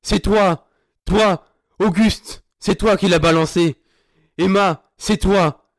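A man's voice: on the high side, a little slow. An actor playing a grieving, vengeful sergeant who snarls, taunts and swears at his captive. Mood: furious. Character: grieving vengeful male sergeant, furious, crude. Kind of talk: audio drama acting.

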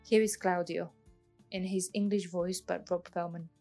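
A woman's voice: on the low side, level tone, normal speed, warm tone, faint music behind. A woman hosting a podcast, narrating a scripted, articulate argument. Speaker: podcast host.

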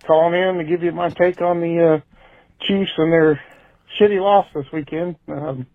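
A man's voicemail played back over a thin, phone-like line, dry and close with no room around him. He talks in a flat, level way, blunt and casual. His pitch sits a bit high for a man. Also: measured pace, no echo. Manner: blunt, swears casually, shrugging. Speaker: caller. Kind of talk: casual call-in rant.

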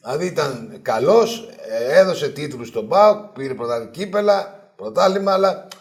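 Man telling lively sports stories. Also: fairly high pitch. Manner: animated anecdotes, acts out quotes. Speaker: sports journalist guest. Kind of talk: casual storytelling interview.

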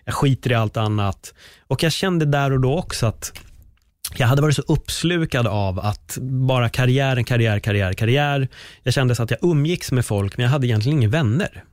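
A man's voice: medium pitch, dry recording. Young guy podcast host, tells stories all fired up, swears a lot, dry close mic. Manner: animated storyteller, swears freely. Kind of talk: casual podcast chat.

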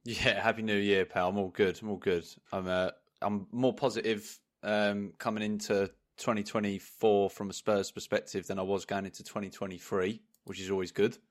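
A man's voice: lowish voice, level tone, normal speed, hardly any pauses. A man with an English accent chatting casually as a football podcast co-host, blunt and slangy.

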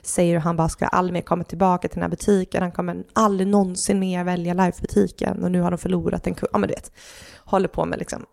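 A woman's voice: fairly low pitch, creaky, few pauses. A woman co-hosting a podcast, telling a personal story in casual chat, full of fillers and acted-out quotes of what others said. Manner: animated, acts out others' lines in quotes; heavy use of fillers like "liksom" and "du vet". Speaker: podcast co-host.

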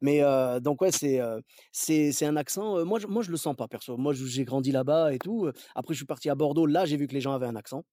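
Homme rapide à la voix sombre. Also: male voice, a little high, warm tone, no room sound, studio quality. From Clermont-Ferrand, France. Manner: chatty, anecdotal storytelling. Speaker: podcast host. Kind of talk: casual conversation. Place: outdoors in a cemetery.

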